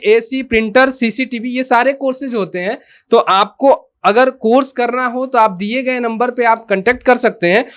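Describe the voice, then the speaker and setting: Brisk man hosting in a repair lab. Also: very high voice, a bit bright, smooth. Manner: brisk, asks short repeated questions. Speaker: host. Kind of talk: promotional interview.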